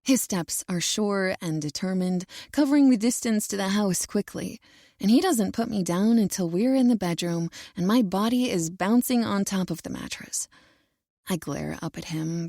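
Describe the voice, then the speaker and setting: A woman narrating a first-person romance audiobook in an even, unhurried storytelling manner. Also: medium pitch, creaky, no room sound, studio quality.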